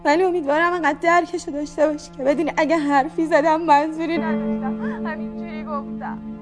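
A chatty young woman with a very high voice, speaking quickly and with emphasis in feature-film dialogue. Faint film music plays under her lines. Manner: quick, emphatic, pleading when scolded. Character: chatty young woman, excitable then defensive. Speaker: film character on a phone call. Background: film score music.

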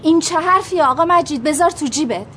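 An impatient investor, high voice, asks pointed questions. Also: female voice, expressive, pushed and bright, slight background noise. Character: impatient woman investor demanding answers.

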